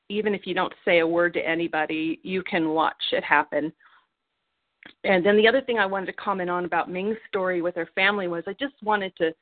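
A woman's voice: on the low side, dry recording. Earnest lady coach on a group call, tinny dry phone sound, heartfelt spiritual pep talk.

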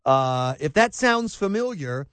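Brief: middle-aged radio host, high and lively voice, dry close sound, mocking rants. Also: male voice, measured pace, clear, resonant tone, no room sound. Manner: animated, mocking, acts out quotes. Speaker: radio talk show host. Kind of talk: opinionated talk radio monologue. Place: broadcasting live from a diner.

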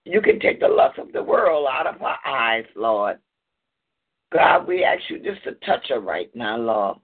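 A man prays fervently and rhythmically, his pitch swinging widely as he rises on each plea and drops on every "Lord". The sound comes through a thin, tinny phone line. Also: big pitch swings, a little slow, creaky. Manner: fervent, rhythmic, repeating "Lord" and "in the name of Jesus". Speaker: prayer leader. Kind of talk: intercessory prayer.

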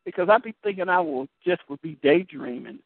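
A male evangelist from the United States hosting a call-in show, telling a caller his testimony in an animated way, stumbling over repeated words and laughing often. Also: high-pitched, fairly quick, no echo. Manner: animated storytelling with many word repeats and laughs. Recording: tinny phone line, dry.

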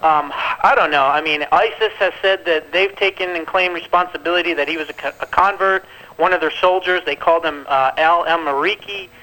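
A man's voice: on the high side, brisk, bright, forceful tone, poor audio. A man calling in over a landline phone as a guest on a talk radio show, rambling through his commentary with plenty of fillers. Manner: rambling, thinking aloud with many fillers.

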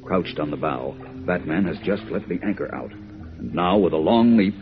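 A man's voice: deep voice, lively intonation, moderate pace, very noisy. A man as an old 1940s radio announcer, narrating a serial in a theatrical, suspenseful way. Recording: vintage radio broadcast, dull band, organ music.

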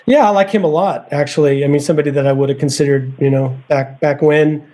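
A man's voice: fairly high pitch, steady tone, quick pace, mellow. A man on a sports podcast, thinking aloud as he weighs draft prospects in casual chat. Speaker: podcast panelist.

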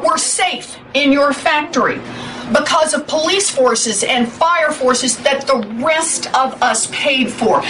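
Emphatic high-voiced woman giving a speech. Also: fairly bright tone, slight background noise. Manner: emphatic, insistent. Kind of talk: political speech. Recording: distant speech clip with faint ambience.

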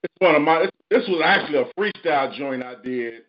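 A man's voice: on the high side, animated, brisk, muffled recording. A man hosting a casual call-in show, talking in laid-back, profane slang. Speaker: radio show host.

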